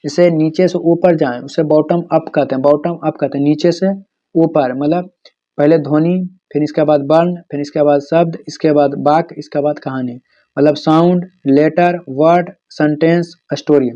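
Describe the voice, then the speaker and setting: A male teacher prepares students for an exam, drilling each key term by repeating it and then posing a question to the class that he answers himself. His fairly high voice is mellow and soft-edged, with fairly even intonation at a moderate pace. The recording sounds dull and lo-fi.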